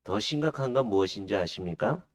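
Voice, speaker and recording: A man's voice: on the low side, expressive, a little fast. A male pastor preaching a sermon. He puts questions to the congregation and answers them himself. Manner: acts out the disciples' pleading in a raised voice.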